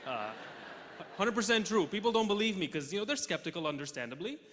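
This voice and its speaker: A young man from Russia doing a stand-up comedy set on stage, deadpan punchlines with sudden loud jumps. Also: high-pitched, fast talker. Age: young adult. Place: large theatre stage with audience. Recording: hall reverb, faint noise.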